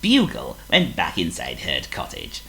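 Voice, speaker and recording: A man reading a children's story aloud as storyteller, slow and expressive. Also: very deep voice, vocal fry, rough recording.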